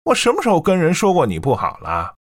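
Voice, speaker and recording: A woman voicing a defensive young husband who bluffs and mutters, in a lowered voice. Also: wildly swooping pitch, fast talker, full character voice.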